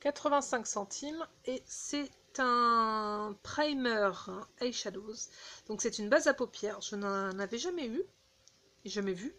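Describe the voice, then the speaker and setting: A woman casually chatting through a beauty haul, halting with fillers and restarts, recorded on a phone indoors. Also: fairly high pitch, sharp tone. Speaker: beauty vlogger.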